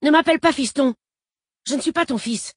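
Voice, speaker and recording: A woman reading an audiobook voices a defiant, swearing teenage boy who shouts back at a captor. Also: fairly high pitch, quick pace, breathy edge, no echo, studio quality, voice pushed up. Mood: furious.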